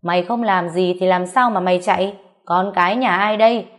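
A woman's voice: lowish voice, fairly even intonation, fairly quick, lightly acted. A woman voicing stern village farmers who catch and scold a little girl in a storybook reading. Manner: scolding, loud. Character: gruff village farmers, stern adult men.

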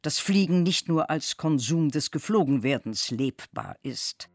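A man giving a measured, expressive scripted literary reading. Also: fairly high pitch, no room sound, clean studio sound. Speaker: reader.

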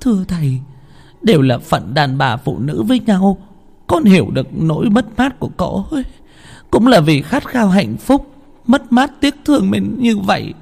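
A man's voice: high-pitched, very animated, moderate pace, vocal fry, darkish tone, breathy edge, voice pushed up, heavily acted. A man voicing a frightened, compassionate village mother in a ghost story, imploring. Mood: gentle. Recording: heavy reverb with music.

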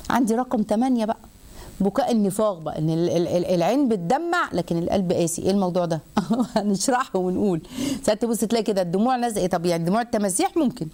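A woman with an Egyptian accent giving a religious lesson to women, lively and animated, asking herself questions as she goes. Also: mid-range voice. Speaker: religious teacher.

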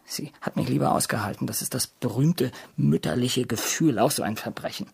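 An actor in a radio play voicing a bitter, lonely young soldier who speaks in a brooding, clipped way and often whispers. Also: male voice, medium pitch, a little fast, gravelly, a little mellow, slightly rough, exaggerated voice. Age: young adult.

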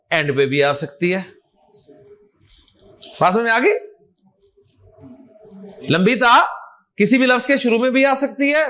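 A man's voice: high-pitched, a bit bright. A man teaching Arabic grammar in a classroom lesson, repeating words and often checking whether listeners follow. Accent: Pakistani Urdu. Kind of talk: classroom lesson, explaining and quizzing.

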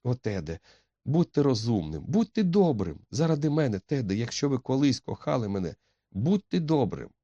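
Man doing a scared young woman's voice, high and pleading, in a storybook reading, dry close sound. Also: very animated, moderate pace, a little mellow, husky, no echo, dull audio. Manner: pleading, breathless. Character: frightened tender young woman.

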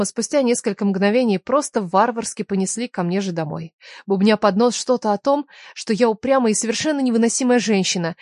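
A woman narrating a first-person romance audiobook with an expressive, emotional reading. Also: a little high, dry recording, clean studio sound.

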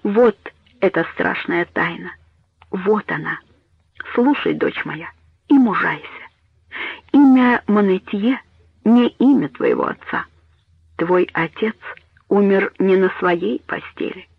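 A man reading a storybook voices a dying mother who speaks in grave, hushed, imploring tones. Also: high-pitched, expressive, takes it slowly, vocal fry, long pauses, husky, dry recording, exaggerated voice. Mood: anguished. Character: dying mother hiding a grim secret. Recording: tinny phone-like dry audio.

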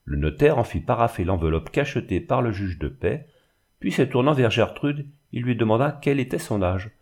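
A man reading a classic novel aloud in a steady, literary narration. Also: medium pitch, moderate pace. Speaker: audiobook narrator. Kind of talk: scripted narration.

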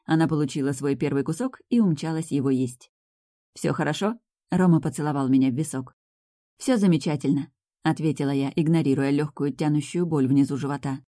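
A woman reading a first-person audiobook in an even, intimate storytelling manner. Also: low-pitched, quick pace, hardly any pauses, no room sound, clean studio sound. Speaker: audiobook narrator.

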